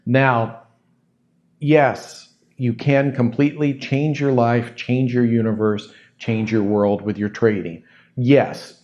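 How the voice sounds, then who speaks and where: A man's voice: medium pitch, a little mellow. Thoughtful male podcast host, slightly muffled. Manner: thoughtful, repeats words while thinking. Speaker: podcast host answering a listener question. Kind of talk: solo podcast monologue. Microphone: studio microphone close to the mouth.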